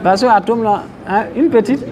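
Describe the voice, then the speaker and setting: A man's voice: high-pitched, moderate pace, noisy background. A man teaching a religious class, explaining Arabic terms and questioning his listeners. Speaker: Islamic teacher. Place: mosque, faint outdoor traffic behind.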